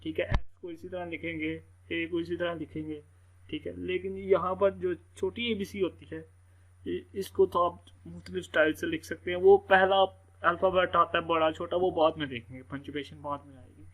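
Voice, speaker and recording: In a casual screen-recorded lesson, a man teaches English reading loosely and repetitively, peppering his speech with "theek hai." His voice sits high and steady, fairly bright, at a moderate pace. Audio quality is poor.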